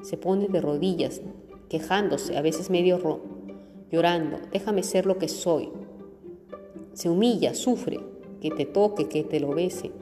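A woman narrating a literary audiobook in a measured, even reading. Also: on the low side. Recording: reverberant room with faint music.

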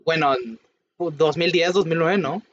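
A man's voice: on the high side, normal speed, dull audio. A young man with a Mexican Spanish accent, chatting casually and cracking wry, slangy jokes. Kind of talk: casual chat.

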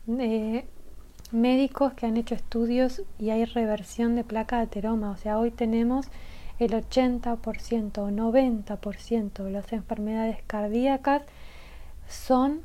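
A woman's voice: on the high side, steady tone, measured pace, warm tone. A woman speaking as a health expert guest, explaining in an emphatic, persuasive way with rhetorical questions. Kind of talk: explanatory interview talk.

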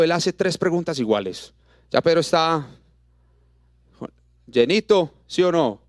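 A man with a Colombian Spanish accent preaching a sermon, throwing out rhetorical questions and dropping to soft, intimate tones for the words of scripture. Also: a little high, smooth, no room sound, studio quality. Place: church auditorium. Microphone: handheld microphone.

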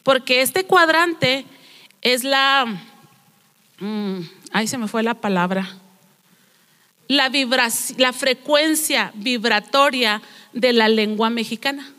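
A woman preacher quoting a calm male doctor explaining a hearing test. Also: sits high, takes it slowly, long pauses, in a large hall, heavily acted.

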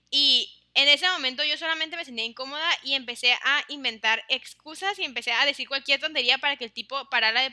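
A woman's voice: high-pitched, pushed and bright. A young woman in casual chat, earnestly explaining a point and sharing a personal experience.

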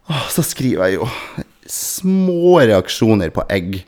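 A man co-hosting a casual podcast, telling a rambling anecdote full of fillers and restarts and acting out the other people in it. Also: lowish voice. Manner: animated storyteller who acts out other people's voices. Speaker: podcast co-host.

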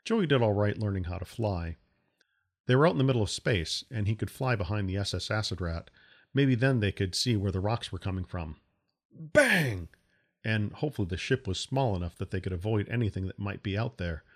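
A man, the author, narrating his own science-fiction audiobook in a steady storytelling manner. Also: fairly low pitch, a little fast.

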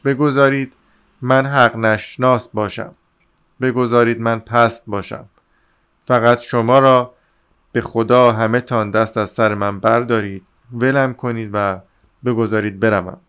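A man's voice: medium pitch, fairly even intonation, a bit bright, clean tone, natural voice. A man reading the lines of a bitter, agitated young man who begs his friends to leave him alone. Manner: bitter, breathless pleading.

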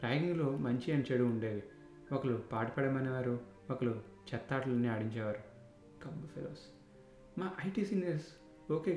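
A man's voice: mid-range voice, darkish tone. A man in his thirties narrating a personal story in a reflective, conversational way. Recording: roomy echo with faint music.

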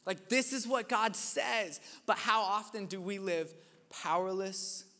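A young man preaching a sermon to a church audience in a casual, conversational way, telling stories with animated energy. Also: sits high, unhurried. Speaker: pastor. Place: church hall with live audience. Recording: reverberant hall.

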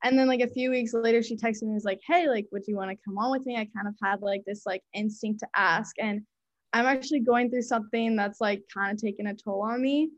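A young woman, a student guest, telling her story haltingly with many fillers and getting emotional. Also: fairly high pitch, fairly even intonation, lo-fi sound. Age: young adult. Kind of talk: casual storytelling.

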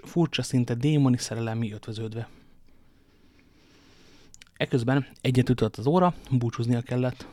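A man narrating a classic novel as an audiobook in a measured, dramatic storytelling manner. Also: mid-range voice, a little mellow, no echo, clean studio sound.

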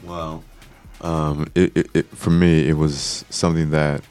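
A man speaking as an interview guest in a casual conversational style, phrasing things haltingly, piece by piece. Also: extremely low pitch, level tone, a little mellow, soft background music.

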